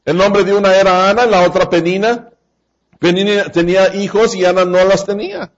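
A man delivers a sermon in a fairly high voice. He speaks straight to his listeners and acts out the lines he quotes. The recording sounds dull and lo-fi. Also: steady tone, normal speed. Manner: addresses the congregation directly. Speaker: preacher.

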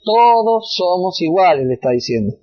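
High-voiced man preaching a sermon. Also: big pitch swings, moderate pace, a little mellow. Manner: rises in pitch and volume when reading scripture, many restarts. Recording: dull lo-fi sound.

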